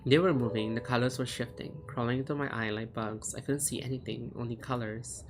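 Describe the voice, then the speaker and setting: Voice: medium pitch, fairly even intonation, fairly quick, noisy background. A game streamer reading a story aloud. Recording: music behind the voice.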